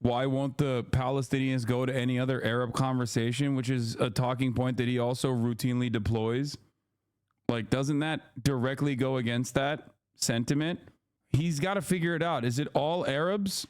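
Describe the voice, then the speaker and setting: A man's voice: medium pitch, fairly even intonation, normal speed, a little mellow, clear, resonant tone. A man giving casual reaction commentary to a debate, sarcastic and mocking in tone.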